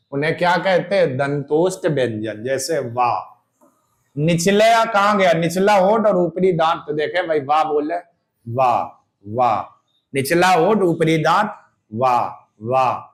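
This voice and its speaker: A man teaching Hindi grammar for exam prep, sounding out examples and answering his own questions. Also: a little high.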